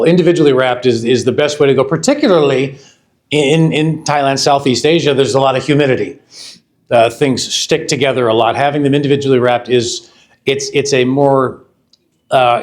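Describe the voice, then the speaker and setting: A man in his fifties giving a product launch talk to an audience, halting and repeating words, putting questions to the crowd. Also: a little high. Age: 50s. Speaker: company vice president presenting a product. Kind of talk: live product launch presentation. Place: event hall before an audience.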